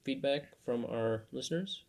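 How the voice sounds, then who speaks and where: A man's voice: medium pitch, lively intonation, moderate pace, darkish tone. Quizzical man co-hosting a podcast. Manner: playfully confused, asks many questions. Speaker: podcast co-host. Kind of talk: casual podcast chat.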